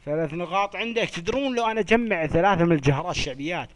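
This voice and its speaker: A young man hosting a joking quiz on a live chat stream, teasing the players in quick banter. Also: sits high, expressive, crowd noise. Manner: teasing, swears oaths, rapid banter with participants.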